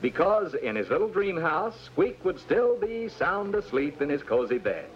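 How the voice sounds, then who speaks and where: A man's voice: on the high side, very animated, normal speed. A man playing an earnest, dramatic storyteller, narrating a children's adventure in vintage 1950s cartoon style. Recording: dull vintage cartoon soundtrack with music.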